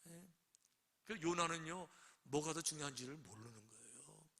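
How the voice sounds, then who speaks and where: A man's voice: fairly high pitch, moderate pace, bright, forceful tone. A man preaching a sermon as pastor, telling stories and acting out the voices of the people in them. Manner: storytelling, acting out quoted voices. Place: church sanctuary. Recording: reverberant church hall.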